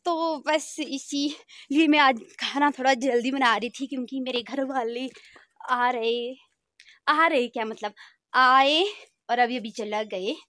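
A young Himachali-accented woman speaks in a high, light voice while she vlogs from home. She chats loosely and often corrects herself mid-sentence, talking into a phone she holds in her hand. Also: steady tone, slow, pushed and bright, no echo. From Himachal Pradesh, India. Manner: chatty, rambling, self-correcting. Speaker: family vlogger. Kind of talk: casual home vlog.

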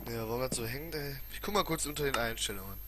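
A man's voice: mid-range voice, expressive, fast. A man giving casual gameplay commentary as a let's player, muttering and grumbling in colloquial exclamations. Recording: clearly noisy home recording with clicks.

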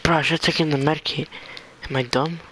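A man's voice: a little high, steady tone, brisk, pushed and bright, rough recording. A young man streaming a game live, chatting casually with friends on a headset mic, joking, laughing and swearing as he plays. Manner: laid-back, joking, swears and laughs often. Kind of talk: casual gaming chat with friends.

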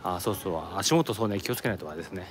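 A Japanese man who works in an office in Korea live streams while walking around an outdoor tourist site, chatting casually, rambling, and answering viewer comments. His voice is low-pitched and animated, and he talks rapid-fire.

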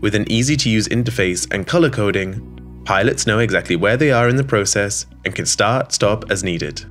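A man with a slightly low voice narrates a scripted promo in an even, polished studio read. Soft music plays quietly behind him. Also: normal speed. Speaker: voice-over narrator. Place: studio voice-over. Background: soft background music.

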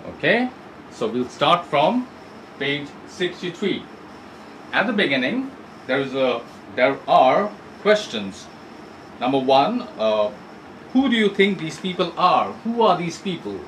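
A man's voice: fairly high pitch, big pitch swings, unhurried, a bit bright, a little hiss or hum, rough recording. A male English teacher giving an online class. He reads a textbook story aloud and explains it, asking students questions and rephrasing points. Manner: asks students questions, repeats and rephrases for clarity.

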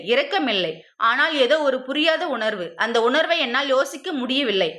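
A woman's voice: high voice, pushed and bright. A woman narrating a first-person short story with an emotive, dramatic reading.

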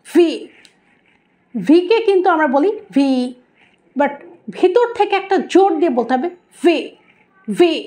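A woman with a Bangladeshi accent, a native Bengali speaker, teaching English pronunciation and repeating each word slowly to contrast wrong and right. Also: very high voice, a little mellow. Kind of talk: teaching lesson.

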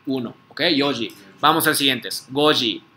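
A man's voice: mid-range voice, normal speed, bright, forceful tone, a little hiss or hum. A man teaching a language class, patiently leading drills and checking that students follow. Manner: patient, repeats words for students to echo, frequent "¿sí?" checks. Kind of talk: online class drill, call and repeat.

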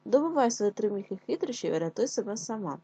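A woman's voice: medium pitch, sing-song, fast, dark tone, breathy edge, no room sound, voice pushed up. A woman voicing a timid, kind little hedgehog in a children's tale. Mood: calm, advising.

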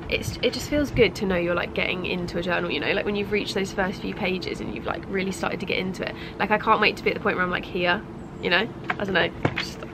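With noise in the background, a young British lifestyle vlogger on an outdoor balcony chats loosely and informally to camera. Her voice is medium-pitched and congested, with vocal fry.

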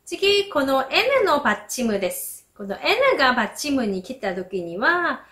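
A young woman who grew up speaking Korean, teaching pronunciation in a slow, patient way and repeating each sound as an example. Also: sits high, big pitch swings, fairly bright tone. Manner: models sounds slowly and repeats them.

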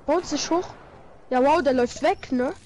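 A high-voiced woman streaming a game with a friend, talking in a loose, chatty way between callouts. Her tone sits bright and upward, and she keeps a running commentary while playing. A faint hiss sits under her voice. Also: normal speed. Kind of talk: casual gaming chat.

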